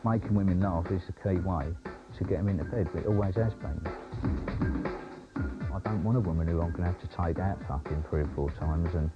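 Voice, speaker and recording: Low-voiced man, boastful, crude, dull worn-tape sound, music playing behind. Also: a little fast. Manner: boastful, blunt, swears freely. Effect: worn VHS tape copy. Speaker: interviewee in a documentary. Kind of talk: candid interview talk.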